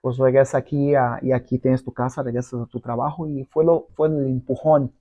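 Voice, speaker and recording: A middle-aged entrepreneur from abroad, not Mexico, tells his story as a guest in a casual interview, speaking Spanish as a non-native language. He rambles with many fillers and tag questions at a fairly quick pace, his mid-range voice steady. The recording is dry and muffled.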